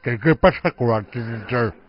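A man doing a deep pitch-shifted prank technician. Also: normal speed, faint music behind. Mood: pushy. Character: gruff male TV repair technician. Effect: voice shifted down to a deep, distorted pitch. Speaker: prank caller posing as a TV technician. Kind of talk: prank phone call on radio. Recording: muffled lo-fi radio broadcast.

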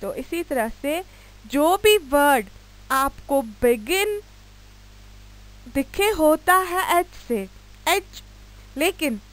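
In a video lecture, a woman with an Indian accent teaches English grammar, going through each rule slowly and spelling words letter by letter. She frequently pauses to ask students quick questions to check understanding. Her voice is high-pitched and the recording is low quality.

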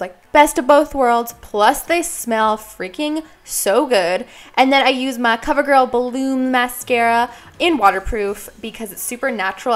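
A woman's voice: on the high side, fairly bright tone. A young woman talking casually to camera as a lifestyle vlogger, bubbly and chatty with lots of filler words. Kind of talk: casual vlog talk to camera.

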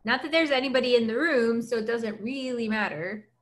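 A woman's voice: on the high side, a little fast. A woman playing a board game, teasing her partner and checking on the game state. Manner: attentive, teasing, keeps track. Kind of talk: casual game chat.

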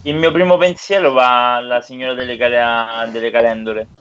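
A man playing a tabletop game, describing his character's moves in a hesitant, halting way. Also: mid-range voice, steady tone, a bit bright, smooth. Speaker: player. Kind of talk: casual tabletop game talk. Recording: dull lo-fi sound.

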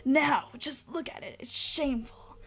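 A woman's voice: high voice, a little slow, a bit bright. A woman voicing a nostalgic old male mayor in a farming game, reading the dialogue aloud in a slightly raised voice. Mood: wistful.

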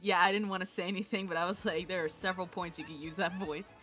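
A woman's voice: fairly low pitch, fairly even intonation, quick pace, fairly bright tone, soft background music. A woman from New York chatting casually as a gameplay co-commentator, blunt, slangy and teasing. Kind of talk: casual chat, riffing on a game.

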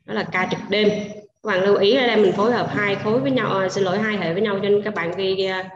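A woman's voice: mid-range voice, steady tone, quick pace, a little hiss or hum. A woman teacher with a Vietnamese accent reviewing vocabulary in an online class, switching between Vietnamese and English and stressing syllables patiently. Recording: echoey dull room sound.

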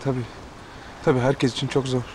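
A man's voice: mid-range voice, little pitch movement, a little fast, a little mellow, natural voice. A man playing a polite, reserved, reassuring young man in a TV drama. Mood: subdued. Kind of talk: television drama acting. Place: outdoors in a sunny yard. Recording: clear outdoor ambient noise.

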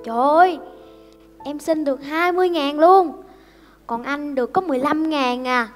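A woman's voice: high-pitched, normal speed, long reverb tail, faint music behind, close to an everyday voice. A woman playing a meek young beggar man. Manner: meek, hesitant. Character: timid young beggar son. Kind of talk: stage comedy sketch.

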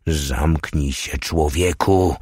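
A man's voice: a bass voice, very slow, darkish tone, slightly rough, no echo, studio quality, heavily acted. A man voicing a stern old squad leader. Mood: curt whisper. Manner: whispered, curt orders. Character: older male squad leader soldier, stern.

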